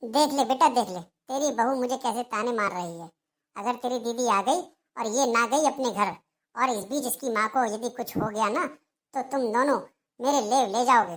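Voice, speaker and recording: A melodramatic older mother-in-law who taunts and wails, as a woman voices her for a cartoon. The voice sits a little high and talks in a scolding, complaining sing-song. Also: moderate pace, fairly bright tone. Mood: accusing. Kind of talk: Hindi cartoon dialogue.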